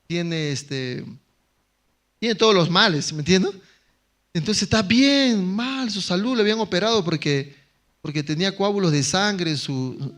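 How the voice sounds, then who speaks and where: A male pastor with a Bolivian Spanish accent preaching a sermon, talking with the congregation through constant questions, dropping to soft asides and then rising to loud emphatic lines. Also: sits high.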